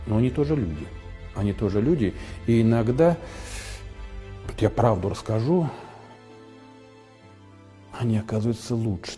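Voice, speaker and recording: A man recalling his war service as an eyewitness, telling it haltingly in short, clipped phrases. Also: mid-range voice, mellow. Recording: very echoey hall, music behind.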